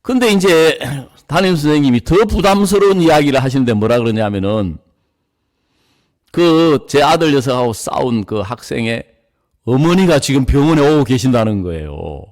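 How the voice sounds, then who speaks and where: A man's voice: mid-range voice, animated, moderate pace. A middle-aged man, a pastor telling a story from his own life in a sermon, acting out the people in it.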